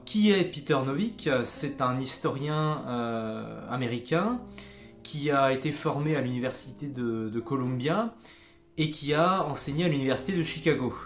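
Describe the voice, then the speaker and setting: A man giving a casual spoken book review, pausing often and restarting his sentences. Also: medium pitch. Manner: hesitant, many fillers and restarts; jokes about his own English accent.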